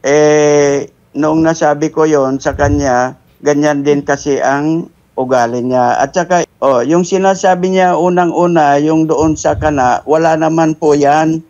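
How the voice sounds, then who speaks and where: A man's voice: fairly high pitch, flat delivery, measured pace, a little mellow. A man defending himself and explaining his side to the host. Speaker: husband answering a complaint. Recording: dull, lo-fi sound.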